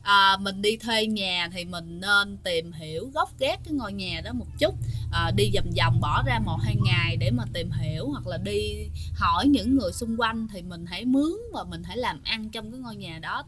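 A woman's voice: mid-range voice, bright, forceful tone, slight background noise. A woman telling ghost stories in a chatty way, with many fillers, talking straight to her listeners. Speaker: ghost story host. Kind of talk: casual spoken storytelling.

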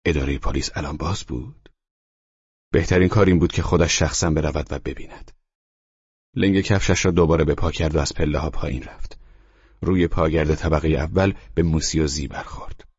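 Male audiobook narrator, husky, dry dull studio sound, measured delivery. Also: extremely low pitch, dry recording. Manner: measured, even storytelling.

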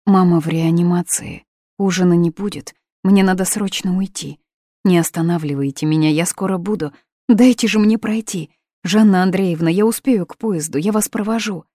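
A woman's voice: sits low, moderate pace, darkish tone, breathy edge, no echo, clean studio sound. A woman voicing a desperate young woman in love, pleading in urgent outbursts. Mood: frantic.

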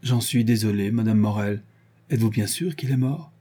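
A man's voice: fairly low pitch, moderate pace, warm tone, husky. A man doing a courteous, zealous police commissioner.

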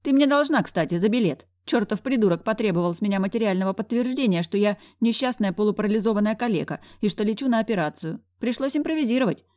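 A woman's voice: mid-range voice, lively intonation, a little mellow, pitched above the performer's own voice, natural voice. A woman playing a brash, mocking woman friend. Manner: mocking, bossy, quick-tongued.

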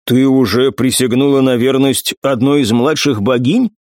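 A man's voice: medium pitch, moderate pace, a little mellow, no echo, lightly acted. A man playing a falsely polite, insistent male assassin in an audiobook. He speaks in clipped, pressing phrases. The recording is dry and close. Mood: urgent.

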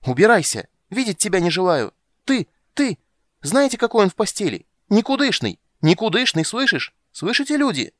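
A man's voice: sits high, big pitch swings, moderate pace, a bit bright, no echo, clean studio sound, voice pushed up. A man voicing a furious young woman who screeches insults from a balcony. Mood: shrieking.

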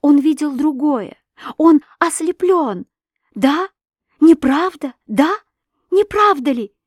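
A woman reading an audiobook, voicing a distraught young wife who pleads in a high, tearful voice. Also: animated, slow, dry recording, clean studio sound. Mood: pleading. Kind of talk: audiobook reading of a classic novel.

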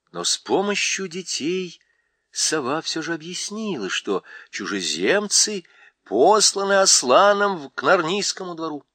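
Man, audiobook narrator, lively pitch, bright tone, dry close sound. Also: no echo. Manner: measured, expressive storytelling. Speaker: audiobook reader.

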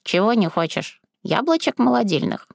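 A woman's voice: medium pitch, sing-song, moderate pace, vocal fry, no room sound, studio quality, pitched above the performer's own voice. A woman reading a storybook and voicing a crafty, rude old village woman who flips between sugary coaxing and coarse scolding. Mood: coaxing, bossy. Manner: sing-song sugary then snapping, coarse.

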